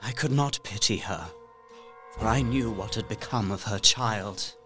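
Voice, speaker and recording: Music underscores a lower-voiced actor portraying a haunted young Victorian gentleman trapped in a castle, reciting his journal in a gothic audio drama. His formal, measured narration is intense and desperate, tinged with grim horror.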